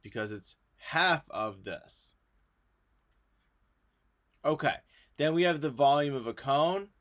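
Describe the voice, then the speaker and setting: A man's voice: mid-range voice, a bit bright. A male math teacher talking through a recorded video lesson in a friendly, explanatory way.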